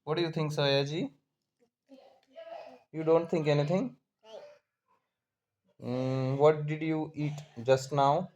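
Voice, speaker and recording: A father with an Indian Marathi accent, chatting casually at home in a hesitant, halting, questioning way. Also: a little high, fairly even intonation, a little mellow, lo-fi sound, a little hiss or hum.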